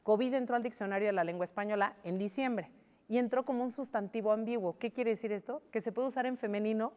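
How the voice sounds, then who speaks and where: A Mexican woman in her forties speaks with a fairly high, animated voice, throwing out rhetorical questions as she makes her case. Her words ring with a long reverb, as if she were in a large, echoing studio. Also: fast. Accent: Mexican Spanish. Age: 40s. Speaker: guest. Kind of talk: studio debate chat.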